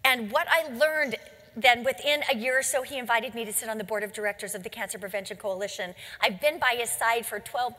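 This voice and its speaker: Bright-voiced woman giving an emphatic talk. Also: high voice, big-room sound. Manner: emphatic storytelling, rhetorical questions. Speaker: company founder speaking to distributors. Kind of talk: motivational talk.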